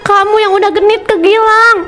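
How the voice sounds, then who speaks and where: A woman's voice: very high-pitched, steady tone, normal speed, fairly bright tone, soft background music. A woman voicing Anissa, a jealous, indignant schoolgirl in a cartoon parody soap. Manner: accusing, indignant.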